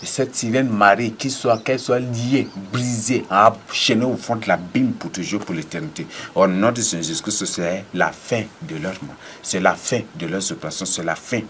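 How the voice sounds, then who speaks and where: Male preacher, low register, emphatic deliverance sermon with a faint ambient hiss. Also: normal speed, few pauses, fairly bright tone. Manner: commanding, repetitive declarations with sudden emphatic rises.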